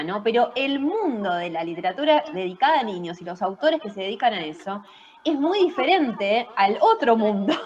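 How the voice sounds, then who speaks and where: A woman's voice: fairly high pitch, muffled recording. A woman with an Argentine accent, an invited author, reflecting thoughtfully and searching for words. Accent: Argentine Spanish. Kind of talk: reflective conversation on a video call.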